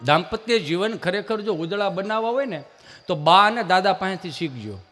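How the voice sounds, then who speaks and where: A man doing live folk comedy storytelling on stage, animated and acting out family characters. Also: sits high, moderate pace, faint music behind. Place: live stage event with audience.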